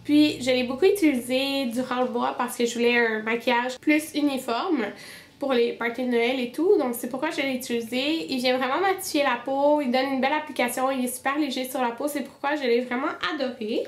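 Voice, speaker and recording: A young Québécois woman with a cold chats about her favorite beauty products in a casual monthly favorites video. Her voice sits high with fairly even intonation and a slightly fast pace, in an echoey room. As a beauty vlogger, she's chatty, full of fillers and restarts.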